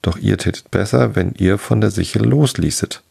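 A man's voice: lowish voice, normal speed, creaky, warm tone, slightly rough, exaggerated voice. A man playing the small, spiteful man in the moon, speaking curtly and dismissively, in a storybook reading. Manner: curt, dismissive.

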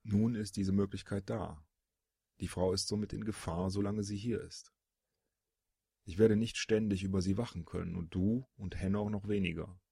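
A man reading a storybook audiobook, voicing a solemn male dragon-born being in a low, gravelly, husky voice with measured, earnest explaining. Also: fairly even intonation, dark tone, dry recording, studio quality.

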